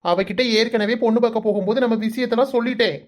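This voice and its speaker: Voicing a teasing, exasperated young man in a cartoon, a woman speaks very fast in a somewhat high, darkish voice with a Kanyakumari Tamil accent. Her pleading performance, lightly acted, coaxes and playfully scolds.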